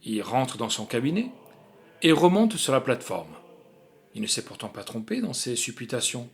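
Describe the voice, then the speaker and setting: Reading a literary short story aloud, a man uses a mid-range voice and a theatrical, expressive delivery with carefully deliberate phrasing.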